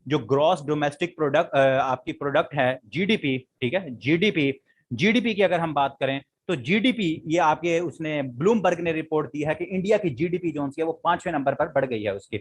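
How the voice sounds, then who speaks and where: A man's voice: fairly high pitch, expressive, normal speed, breathy edge. A man with a Pakistani Urdu accent teaching a current affairs lesson for exam prep. He repeats key facts and quizzes his students as he goes.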